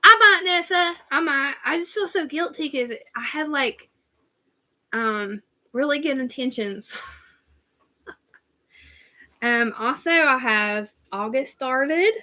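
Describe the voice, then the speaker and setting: Bright, chatty Southern woman. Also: sits high, slow, pauses often. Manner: chatty, rambling, reads out viewer comments. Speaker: cross-stitch channel host. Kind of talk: casual live-stream chat.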